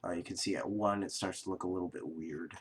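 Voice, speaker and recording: Man, sick, coughing, low voice, rambling tutorial talk, fillers and self-corrections, faint keyboard clicks. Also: steady tone, fast talker, slight background noise. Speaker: software tutorial host. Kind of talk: casual screen-recorded tutorial.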